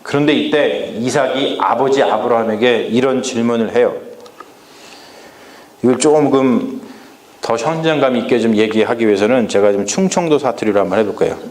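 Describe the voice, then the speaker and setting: A man's voice: medium pitch, normal speed, a little mellow. A man preaching a midweek sermon as pastor, questioning his congregation and acting out Bible lines. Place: church sanctuary. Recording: echoey church hall.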